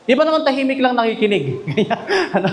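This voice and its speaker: A man's voice: extremely high pitch, lively intonation. A man preaching a sermon as pastor, mixing English and Tagalog and often asking the congregation questions. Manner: mixes English and Tagalog, often asks the congregation questions, reads verses slowly. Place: church chapel.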